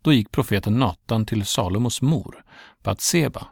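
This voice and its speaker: Low gravelly male storyteller. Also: lively intonation, darkish tone, no room sound, clean studio sound. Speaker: narrator. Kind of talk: scripted narration of a Bible story.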